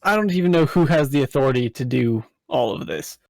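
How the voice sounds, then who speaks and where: A man's voice: medium pitch, lively intonation, brisk, vocal fry, no echo. A man co-hosting a podcast, talking casually in a thoughtful, rambling way with many fillers. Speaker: podcast co-host.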